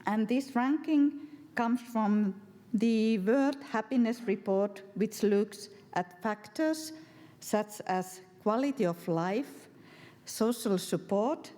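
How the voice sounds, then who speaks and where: A woman with a Finnish accent gives a formal prepared presentation in careful, measured non-native English. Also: on the high side, dark tone. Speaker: education official and professor giving a presentation. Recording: reverberant hall.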